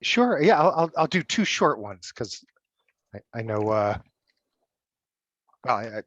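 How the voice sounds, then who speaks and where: A man's voice: mid-range voice, dry recording, muffled recording. A man poet who stammers and restarts as he talks, then reads his prose poems steadily over a video call. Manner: halting and stammering when talking, steady when reading. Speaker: poet and college faculty member. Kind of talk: poetry reading.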